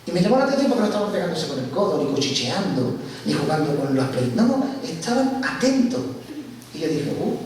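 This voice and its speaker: A man giving a church testimony, telling his story with animated, acted-out dialogue. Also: high-pitched. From Spain. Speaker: guest speaker giving testimony. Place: large church hall. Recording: echoey church hall from far off, faint hiss.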